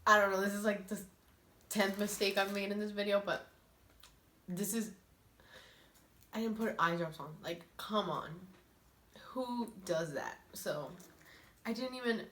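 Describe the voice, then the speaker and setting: A woman's voice: medium pitch, unhurried, long pauses, fairly bright tone. A woman in her twenties telling a story while eating, chatty, laughing and saying "like" constantly. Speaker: mukbang vlogger. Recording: echoey room with faint ambience.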